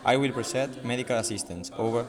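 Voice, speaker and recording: A man playing a coast station radio operator, using formal marine radio procedure with steady readbacks. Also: medium pitch, quick pace, natural voice. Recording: echoey hall with crowd noise.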